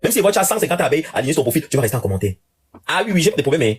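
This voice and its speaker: A man hosting a casual live stream, talking to his viewers in an animated rant with lots of repetition. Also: on the high side, crowd noise. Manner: rapid, animated ranting with repeated phrases.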